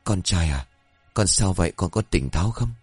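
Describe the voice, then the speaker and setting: A man's voice: low-pitched, animated, normal speed, breathy edge, no echo, soft background music. A man doing a panicky old father. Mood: worried. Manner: whimpering, pleading.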